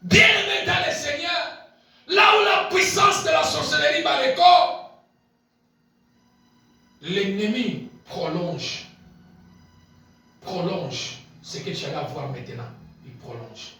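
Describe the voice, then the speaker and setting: A man preaching a sermon as pastor, swinging between shouted peaks and low murmured asides and repeating key phrases. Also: expressive, slow pace, vocal fry, pauses often. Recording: very echoey hall, voice picked up from a distance.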